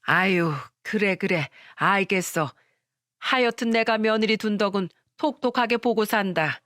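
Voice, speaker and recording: A woman voicing an older mother-in-law with an unhurried, homely way of talking in a radio story. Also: medium pitch, a bit bright, no room sound, studio quality, close to an everyday voice. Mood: easygoing. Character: older mother-in-law, easygoing then firm.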